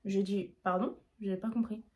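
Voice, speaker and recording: A woman's voice: medium pitch, highs cut off. A young woman from France telling a storytime on her vlog, casual and slangy, acting out what people said to her. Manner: fast, slangy, animated retelling. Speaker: YouTuber.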